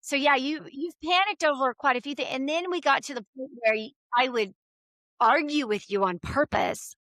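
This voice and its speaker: A woman's voice: high voice, moderate pace, no room sound. A middle-aged woman, the mother, chatting casually as an interview guest and acting out the people in her stories. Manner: animated storyteller acting out quoted voices. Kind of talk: casual chat.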